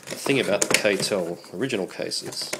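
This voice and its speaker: A man's voice: lowish voice, normal speed. An Australian man hosting a casual unboxing, his voice congested from a cold, speaking in an understated, appreciative way. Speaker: video host. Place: indoors at a computer desk. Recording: steady background noise.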